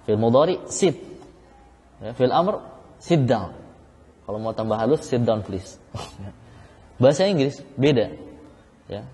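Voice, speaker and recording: A man's voice: medium pitch, warm tone. Man teaching in a reverberant hall. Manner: explains by repeating key phrases, asks the class questions. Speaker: Islamic studies teacher. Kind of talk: classroom lecture on legal theory.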